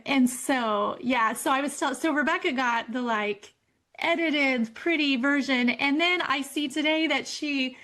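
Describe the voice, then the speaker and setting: A woman's voice: high voice, a little slow, a bit bright. A woman co-hosting a podcast, telling a personal story candidly and laughing often. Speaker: co-host. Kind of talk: casual podcast chat.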